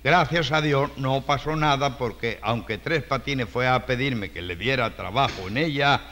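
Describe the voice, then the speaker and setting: A man's voice: medium pitch, normal speed, sharp tone, natural voice. An actor playing an ornate, fawning male shopkeeper in a radio comedy. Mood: smug. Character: flowery, pompous male shopkeeper witness. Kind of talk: 1940s radio comedy acting. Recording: reverberant old radio recording.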